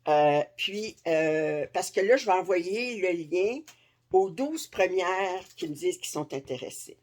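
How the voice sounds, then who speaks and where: A woman's voice: on the low side, animated, a little slow, darkish tone. A woman with a Québécois French accent, chatting casually to camera as a craft vlogger and checking in with "ok?" often. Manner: chatty, many fillers and "ok?" check-ins. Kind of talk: casual direct-to-camera chat. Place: her living room. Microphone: camera framing upper body.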